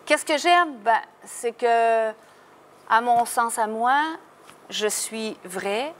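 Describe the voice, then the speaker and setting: A woman's voice: on the high side, drawn-out words, a little hiss or hum. A woman with a Québécois French accent, a singer from Quebec talking frankly and laughing easily in a casual interview. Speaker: singer guest.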